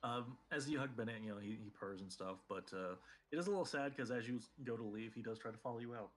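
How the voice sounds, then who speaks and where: A man's voice: medium pitch, quick pace, fairly bright tone, slight background noise. A man running a tabletop game as game master, laid-back with many fillers.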